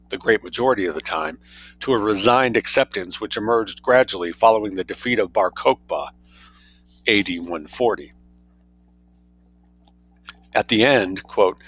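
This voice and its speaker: Male reader, lowish pitch, bright forceful tone. Reads academic prose as if dictating, every reference and quote mark spoken. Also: low-quality recording. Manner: dictating, speaks quote marks, citations and spellings aloud. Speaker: narrator reading a scholarly book aloud. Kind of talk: reading a scholarly text aloud.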